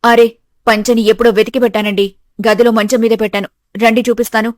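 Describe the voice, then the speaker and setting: A woman's voice: on the high side, level tone, fast, dry recording, studio quality, natural voice. Woman doing a harsh scolding mother-in-law. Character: stern bossy middle-aged mother-in-law. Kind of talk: animated storybook voice acting.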